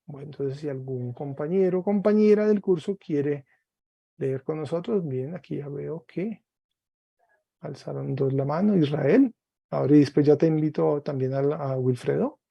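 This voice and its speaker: Guy teaching a class over a video call, patient, repeats stuff, creaky voice, dry sound. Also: on the high side, no echo, lo-fi sound. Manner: patient, slow, repeats words for students. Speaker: Greek teacher. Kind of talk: online class lecture.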